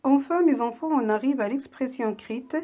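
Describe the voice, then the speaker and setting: A woman teaching young children a reading lesson, saying each word slowly and clearly and patiently breaking it into syllables. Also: high voice, mellow. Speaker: primary school teacher. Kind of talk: slow classroom lesson read-aloud.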